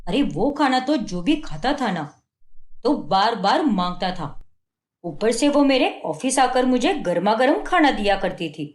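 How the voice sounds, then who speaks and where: A woman's voice: a little high, very animated, unhurried. Cartoon husband, young and scornful, always finding fault, played by a woman; echoey room. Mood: scolding. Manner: scolding, belittling. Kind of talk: cartoon story voice acting.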